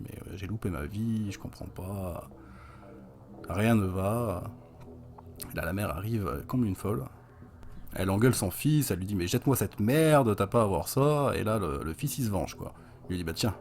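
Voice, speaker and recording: A man's voice: deep voice, creaky, a little mellow. A young adult man casually recapping a horror film for a review, chatty and wry, with many fillers.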